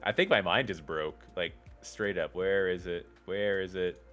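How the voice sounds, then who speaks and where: A man's voice: sits low, measured pace, fairly bright tone, faint music behind. A man streaming himself reading fan fiction aloud, often breaking off for joking, mocking asides.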